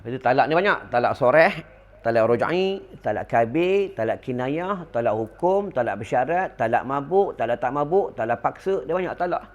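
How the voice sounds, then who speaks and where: A middle-aged Malaysian man giving a religious lecture to an audience, telling stories with lively call-and-response asides. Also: medium pitch, moderate pace. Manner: animated storytelling with call-and-response fillers. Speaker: religious teacher.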